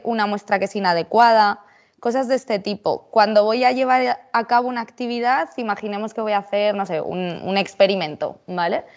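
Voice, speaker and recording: A woman's voice: medium pitch, muffled recording. A woman with a Spain Spanish accent, a researcher explaining with examples and frequent tag questions. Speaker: researcher guest. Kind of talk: explanatory panel talk.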